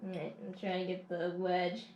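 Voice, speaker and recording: A woman in casual chat while eating, relaxed and muttering as she cuts her food. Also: lowish voice, moderate pace, dull audio. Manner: relaxed, talks with mouth full, muttering while cutting. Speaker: co-host of a mukbang channel. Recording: roomy kitchen, faint noise.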